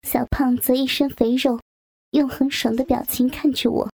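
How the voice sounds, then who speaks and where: A woman narrating a first-person adult story in a soft, breathy, near-whispered delivery. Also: sits high, level tone, moderate pace.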